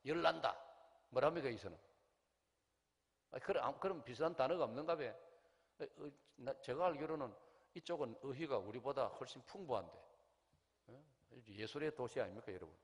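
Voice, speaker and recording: Gyeongsang pastor preaching in a reverberant church. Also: male voice, medium pitch, normal speed, pauses often. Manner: animated storytelling, acts out quoted voices, asks the congregation questions. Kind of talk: revival sermon with storytelling. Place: large church sanctuary. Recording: long hall reverb in a church.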